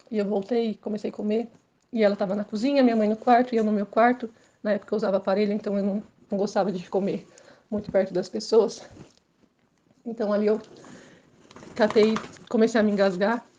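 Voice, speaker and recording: A woman from São Paulo state, Brazil, gives an earnest, emotional personal testimony at church, her pitch and force rising as the story intensifies. She talks fast in a steady, dark voice, and the highs are cut off in the recording.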